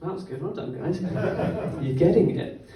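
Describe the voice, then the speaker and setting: A man's voice: high voice, lively intonation, a little slow, noisy background. A young man doing a stand-up set in a comedy club, rambling and self-deprecating, with stumbles and restarts into a handheld microphone. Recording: roomy club sound from a distance.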